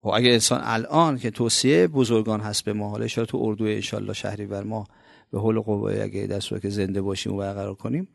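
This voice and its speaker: Male preacher from Iran, gravelly, conversational sermon with emphatic swells and rhetorical questions. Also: lowish voice, no echo, clean studio sound. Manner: emphatic, rhetorical questions, sudden loud rises then soft asides. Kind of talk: colloquial religious sermon.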